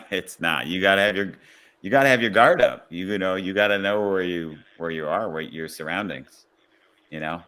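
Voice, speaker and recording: A very low-pitched man with a bright, forceful edge to his voice. He is a police officer guest in a relaxed podcast conversation. He speaks reflectively and often says "you know" as he works through his thoughts. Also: moderate pace.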